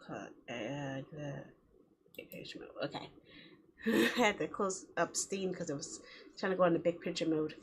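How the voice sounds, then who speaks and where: Giggly and playful, this streamer chats casually and reads story text from a visual novel aloud. Her voice sits low and is expressive, moving at a moderate pace, with a little hiss or hum in the recording.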